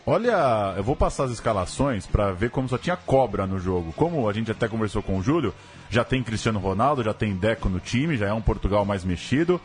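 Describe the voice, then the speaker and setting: A man's voice: fairly low pitch, lively intonation, a little fast, faint music behind. A man with a Brazilian accent in casual football chat as a co-host.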